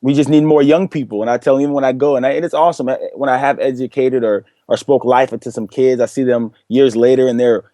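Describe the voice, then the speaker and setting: Speaking fast with hardly any pauses, a young interview guest with a medium-pitched voice recounts his story earnestly. He animatedly acts out the lines others said to him, and the recording is dry.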